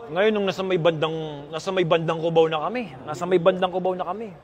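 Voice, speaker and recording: A high-pitched man tells a funny story, animated and repeating his punchlines as he goes. Loud laughter from a crowd keeps breaking in around him. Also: fast talker. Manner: animated, repeats lines for effect, laughs while telling. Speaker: comedian telling a story. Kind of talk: comic storytelling to a laughing group.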